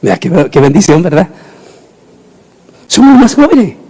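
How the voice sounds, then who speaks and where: Animated preacher man with a high, lively voice. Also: a little slow, husky. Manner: emphatic, swings into shouted high proclamations. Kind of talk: sermon.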